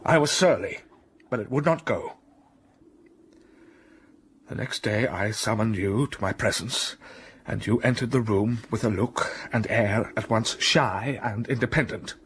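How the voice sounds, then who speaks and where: In a radio drama, an actor with a lowish, slightly rough voice plays Mr Rochester, a brooding gentleman recounting his troubled past. His storytelling is slow and heavy, flaring up with bursts of passion.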